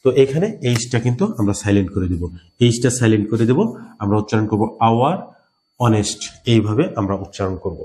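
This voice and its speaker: A man with a Bangladeshi Bengali accent teaching an English lesson, repeating key words and slowing down to pronounce examples. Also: fairly low pitch, mellow. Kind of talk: explaining a grammar lesson.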